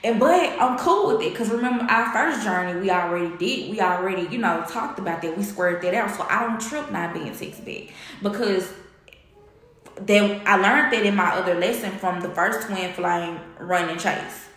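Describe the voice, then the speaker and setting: A woman's voice: mid-range voice, moderate pace. Candid woman telling an emotional story, echoey room. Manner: candid, animated, quotes others in dialogue. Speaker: vlogger.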